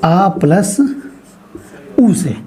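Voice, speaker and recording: Slow-paced male Hindi grammar teacher. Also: high-pitched, warm tone, husky. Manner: slow, explanatory, asks students questions. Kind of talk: classroom grammar lesson.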